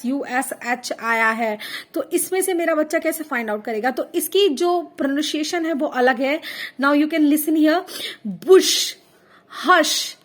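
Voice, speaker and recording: Slow, high-voiced woman teacher. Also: fairly bright tone. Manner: slow, patient, spelling words out letter by letter. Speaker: teacher guiding parents through kindergarten homework. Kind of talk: Hindi-English homework walkthrough.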